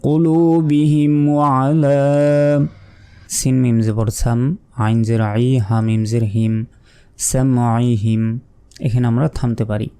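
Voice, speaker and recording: A man's voice: medium pitch, creaky, warm tone. A man teaching Quran reading, spelling each word letter by letter with its vowel marks and explaining the rules step by step in a patient, explanatory way. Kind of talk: step-by-step spelling lesson with slow recitation.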